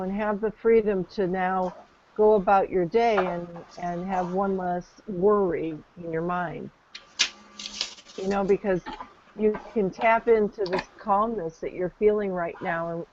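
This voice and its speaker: A woman calmly guiding a session, gentle and affirming, talking soothingly about calm and connection. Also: on the low side, slight background noise. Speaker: session facilitator. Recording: dull lo-fi recording.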